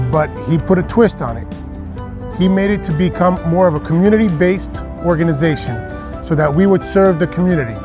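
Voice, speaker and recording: A middle-aged man from New Jersey with an American accent that carries into his Spanish, an English speaker answering as a club president in an interview. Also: on the high side. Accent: American, heard also in his Spanish. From New Jersey, United States. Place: outdoors in a parking area. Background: music.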